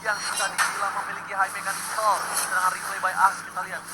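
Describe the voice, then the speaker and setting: Fast, dramatic esports announcer. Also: medium pitch, monotone, heavy background noise. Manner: dramatic, exclamatory, swinging into shouts on big plays. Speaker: esports caster. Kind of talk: excited esports play-by-play commentary, like a fighting game announcer. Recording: loud music and game sound behind.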